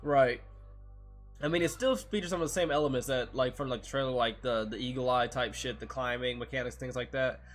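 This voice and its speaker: A man's voice: medium pitch, fairly quick, soft background music. A man hosting a casual gaming news podcast, reading out stories and joking in slangy banter. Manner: laid-back slangy banter, reads news items aloud. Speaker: podcast host.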